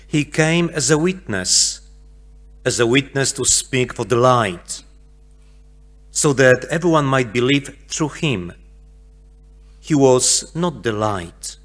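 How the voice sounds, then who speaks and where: A middle-aged man reads scripture as a priest at a church pulpit. His delivery is solemn and slow, at an average pitch, into a lectern microphone. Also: fairly bright tone. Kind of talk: solemn Gospel reading. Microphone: gooseneck lectern microphone.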